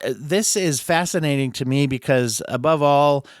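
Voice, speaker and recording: A man's voice: a little high, moderate pace, no echo, studio quality. A middle-aged man hosting a casual podcast discussion, chatty, laughing often and restarting his sentences. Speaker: podcast host.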